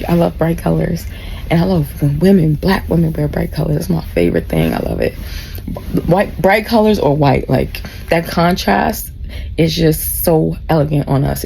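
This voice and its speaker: A woman's voice: fairly low pitch, vocal fry, dark tone, rough recording. A woman of about forty rambles drunkenly in a casual vlog, effusive and heartfelt, swearing freely and losing her thread. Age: 39, nearly forty. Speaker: vlogger. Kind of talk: casual rambling rant to camera. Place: cruise ship cabin. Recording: faint background noise.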